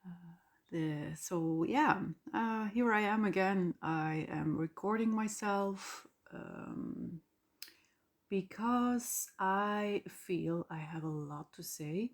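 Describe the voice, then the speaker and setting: Flemish woman, 40s, slow rambly solo podcast talk in english, lots of ums and self-corrections. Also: mid-range voice. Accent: Flemish Dutch. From Belgium, Flemish part. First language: Dutch. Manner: rambling, self-correcting, with fillers and small laughs. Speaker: podcast host. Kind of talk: casual solo podcast monologue.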